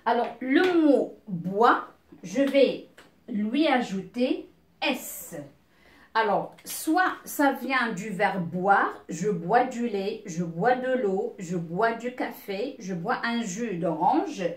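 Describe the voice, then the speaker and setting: A woman's voice: on the high side, expressive, takes it slowly. A middle-aged woman teaching a beginners' phonics lesson, spelling out letters and sounds patiently with frequent hesitations. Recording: echoey room.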